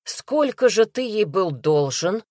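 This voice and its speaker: A woman's voice: medium pitch, very animated, slow, darkish tone, no room sound, studio quality. A woman voicing a harsh, barking male detective. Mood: furious. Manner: harsh, barking, pressing questions. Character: angry male detective interrogating a suspect. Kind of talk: audiobook character voice.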